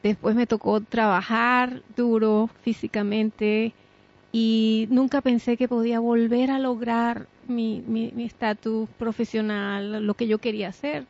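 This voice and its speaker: A woman's voice: a little high, flat delivery, measured pace, darkish tone. A middle-aged woman, co-hosting a radio talk show in an earnest, emphatic way and laughing often. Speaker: radio co-host. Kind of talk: casual radio chat. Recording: dull lo-fi radio sound.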